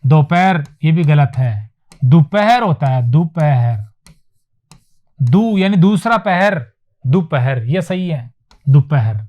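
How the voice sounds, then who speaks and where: Male teacher, high voice, lecturing at a board; drills each word, asks and answers his own questions. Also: lively intonation, a little mellow. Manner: repeats words slowly for emphasis, asks and answers himself. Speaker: Hindi teacher. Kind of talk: classroom lecture on spelling. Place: classroom with whiteboard.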